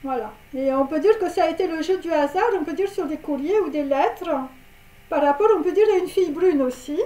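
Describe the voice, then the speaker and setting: A woman with a high-sitting, dark-toned voice gives a casual tarot reading at a fairly quick pace in a roomy-sounding space. She rambles, leaning heavily on fillers and tag words, and giggles at her own jokes.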